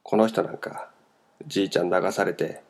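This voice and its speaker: A man's voice: low-pitched, steady tone, normal speed. A man reading a novel aloud, voicing a tearful young man who bitterly lashes out. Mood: pained. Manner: bitter, pained. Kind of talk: audiobook character voice.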